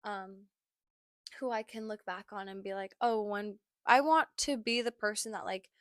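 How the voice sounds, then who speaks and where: A woman's voice: mid-range voice, a bit bright, no room sound, studio quality. Tired young woman musing through fillers. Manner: halting, many filler words, apologetic. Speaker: podcast host. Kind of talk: personal reflective monologue.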